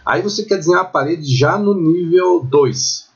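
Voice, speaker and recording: A man with a Brazilian accent teaching architecture software in a screen-recorded tutorial. He talks in a chatty way and keeps checking in with the viewer. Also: on the high side, expressive, normal speed, dull audio. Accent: Brazilian Portuguese.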